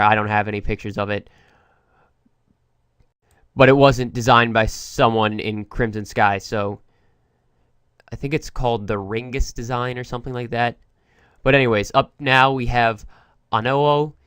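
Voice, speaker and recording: A young gaming commentator with a lowish, slightly bright, smooth voice walks through game replays, explaining each attack step by step. He has a cold and his voice is going, and there's no room sound.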